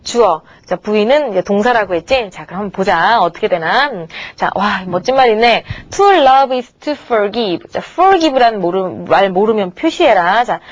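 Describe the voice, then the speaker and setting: A woman's voice: medium pitch, animated, a little slow, hardly any pauses, dry recording, lo-fi sound. A woman teacher giving a grammar lecture to middle-school students, chatty and coaxing, checking in with her class again and again. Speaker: English teacher.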